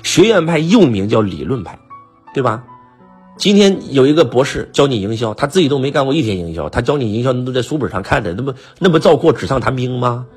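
A man's voice: medium pitch, very animated, fast talker, slightly rough, soft background music. A man giving a motivational lecture as a business trainer, speaking with emphasis, firing off rhetorical questions and often asking the listeners "right?".

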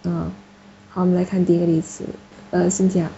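A woman teaching a French class speaks in a fairly low, monotone, creaky voice that is still warm, and her pace is brisk. She explains step by step and corrects students patiently, and the recording sounds muffled and slightly noisy.

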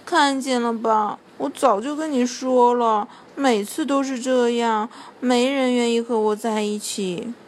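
A lonely little wolf cub who mumbles slowly and quietly, close to tears. A woman plays him, dropping her voice low and soft. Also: steady tone, slight background noise, lightly acted. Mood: sobbing. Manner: mumbling, sniffling, slow and soft. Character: small sad lonely wolf cub, male.

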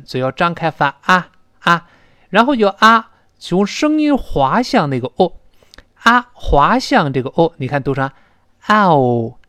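A man leads an English pronunciation lesson, breaking sounds apart and repeating words slowly for learners. His voice sits a little high and moves with lively swings. The sound is dry and close, with no room echo. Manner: explains sounds slowly, drilling words aloud. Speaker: English teacher.

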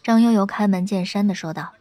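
A woman narrating a web novel in a steady, lightly playful storytelling tone. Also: mid-range voice, brisk, no room sound. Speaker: audiobook narrator.

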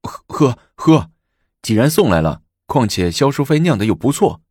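A man's voice: mid-range voice, very animated, moderate pace, a little mellow, breathy edge, no room sound, studio quality, pitched above the performer's own voice. A male storyteller voicing a timid, easily flustered emperor who talks in a fretful, stammering way in a storybook reading. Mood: eager.

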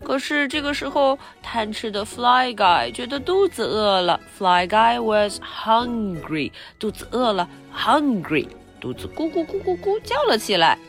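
A young woman reading a children's picture book aloud in two languages, reading lines slowly and then explaining them playfully. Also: a little high, big pitch swings, soft background music. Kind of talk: bilingual storybook read-aloud.

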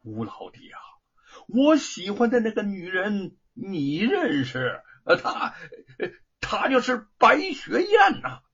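Troubled lovesick swordsman put on by a man, husky, high, big pitch swings. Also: wildly swooping pitch, a bit bright, heavily acted. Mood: earnest. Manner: pained, halting, earnest. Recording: dull lo-fi recording.

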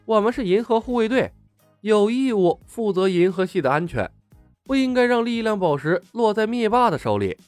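Teasing confident young leader, lively and upbeat, a man reading him. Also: sits high, moderate pace, no room sound, soft background music, pitched above the performer's own voice. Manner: teasing, self-assured. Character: sly, confident young male team leader.

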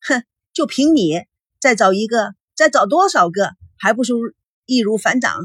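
A woman's voice: on the high side, expressive, moderate pace, fairly bright tone, slightly rough, no echo, studio quality. A woman voicing a meddling, gossipy woman who teases and exaggerates. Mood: teasing. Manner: teasing, exaggerated.

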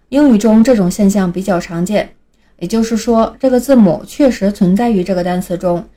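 A woman reads a scripted pronunciation lesson in a mellow, warm voice at a middling pitch. She speaks clearly and deliberately and spells words out slowly, letter by letter. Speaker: English pronunciation teacher.

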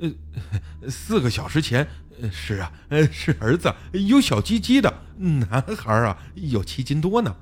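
Male narrator doing a weeping young husband, high stammering voice, catching his breath. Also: lively intonation, moderate pace, darkish tone, breathy edge. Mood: sobbing. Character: young man, distraught new father, weeping.

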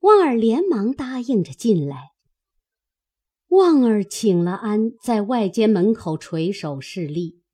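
A woman narrating a classic novel as an audiobook, in measured storytelling. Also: medium pitch, sing-song, mellow, slightly rough.

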